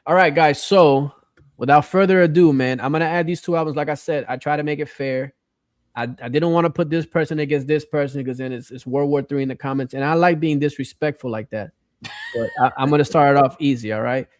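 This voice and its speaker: A man hosting a casual livestream chat, relaxed and rambling, often saying "bro" and "man". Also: a little high, fairly quick, no echo, studio quality. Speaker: livestream host.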